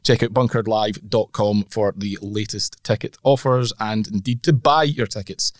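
A man's voice: on the low side, steady tone, normal speed, dry recording, studio quality. Nasal, bunged-up Scottish male podcast host. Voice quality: nasal, congested. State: blocked nose from a cold. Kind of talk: casual chatty golf podcast presenting.

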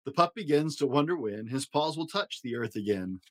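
A man hosting a story podcast, reading a rhyming children's picture book aloud in an expressive, rhythmic way. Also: mid-range voice, normal speed. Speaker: podcast host and story reader.

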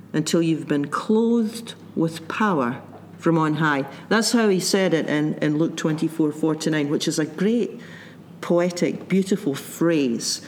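A man's voice: a little high, slight background noise. Guy giving a sermon, thoughtful, says the big points twice. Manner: reflective, repeats key phrases, acts out quoted voices. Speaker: pastor.

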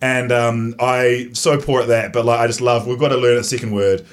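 A man speaks in a broad Kiwi accent at a middling pitch. He hosts a casual, joking chat in a blokey way, swearing freely and poking fun at himself. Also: fairly even intonation, normal speed. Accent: New Zealand. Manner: sweary, blokey, self-deprecating. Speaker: host and stand-up comedian.

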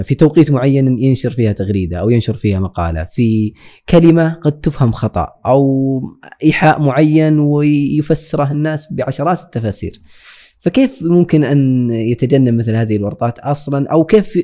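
A man hosting a podcast, asking soft-spoken, hesitant questions. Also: mid-range voice. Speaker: podcast host. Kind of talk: podcast interview.

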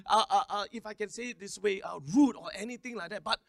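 Pastor guy in his 50s preaching, high voice, keeps going and and and, asks the church to say amen. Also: vocal fry, dry recording, clean studio sound. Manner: repeats words in quick stammering runs; calls the congregation to respond. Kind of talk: sermon.

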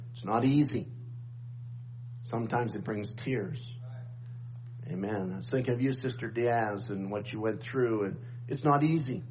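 A middle-aged pastor preaching a sermon at a pulpit microphone, repeating refrains and calling for amens. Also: male voice, mid-range voice. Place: church sanctuary, at a pulpit microphone. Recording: dull church recording with faint hum.

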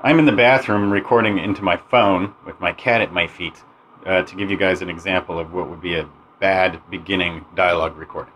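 Low-voiced man recorded on a phone. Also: fairly even intonation, a little fast, a bit bright, slight background noise, rough recording. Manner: casual and offhand. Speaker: podcast co-host. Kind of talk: deliberately bad sample recording. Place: bathroom with the fan running.

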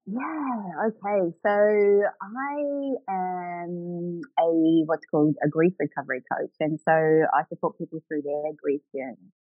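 A woman's voice: on the low side, takes it slowly, no echo. Middle-aged woman, dull lo-fi sound. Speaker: guest, grief recovery coach. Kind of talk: personal storytelling in an interview.

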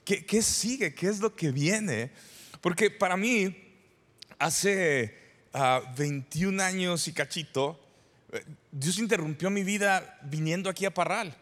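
A man's voice: sits high, slow pace, a bit bright. A man in his forties from El Salvador, preaching a sermon as pastor, conversational, with rhetorical questions and repeated phrases. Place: church sanctuary. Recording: reverberant church hall.

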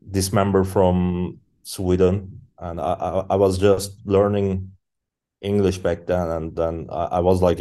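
A man, a podcast guest speaking English as an in halting casual talk with many fillers. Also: deep voice, warm tone. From Turkey. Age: 30s. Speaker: guest musician. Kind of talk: casual interview chat.

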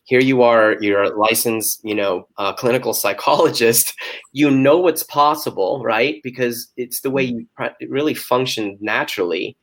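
An interviewer asking open follow-up questions in a casual conversation, with frequent soft affirmations. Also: medium pitch, normal speed. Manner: encouraging, many soft affirmations.

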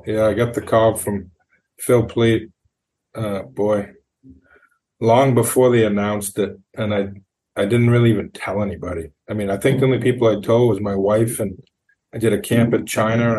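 A man's voice: lowish voice, steady tone, moderate pace, a little mellow, breathy edge. A middle-aged man from New Hampshire, a golf coach, telling long rambling stories as a podcast guest. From New Hampshire, USA. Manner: rambling anecdotal storyteller, acts out quotes. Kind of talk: storytelling in an interview.

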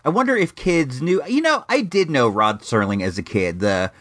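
A man's voice: medium pitch, animated, normal speed, fairly bright tone. A middle-aged man hosting a vintage toy show in a rambling, slangy, casual way with wry asides. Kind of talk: casual chatty retro toy review.

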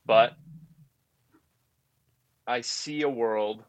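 A young man with a medium-pitched voice talks extremely slowly while co-hosting a podcast. In casual chat he teases his friend bluntly and laughs easily.

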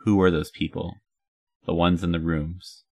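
A man's voice: sits low, flat delivery, a little slow, vocal fry, full character voice. A man reading the lines of a sly female demon who shifts shapes, in a guarded, curt manner.

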